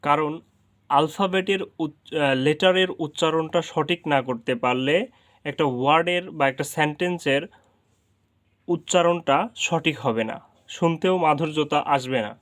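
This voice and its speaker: A man teaching an English lesson, saying each letter slowly and repeating it so learners can drill along. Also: a little high, fairly bright tone.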